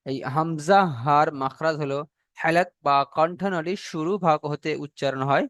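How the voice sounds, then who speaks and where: A man teaching a class on pronouncing Arabic letters, slow and repetitive, drawing out each letter sound and checking in with his students. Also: a little high, a bit bright, no echo. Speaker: Quran recitation teacher. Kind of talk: classroom lesson on letter pronunciation.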